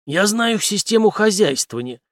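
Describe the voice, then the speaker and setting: A man reading an audiobook, voicing a stubborn, brash male intelligence officer who speaks forcefully in clipped phrases. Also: high voice, very animated, brisk, no room sound, clean studio sound, voice pushed up.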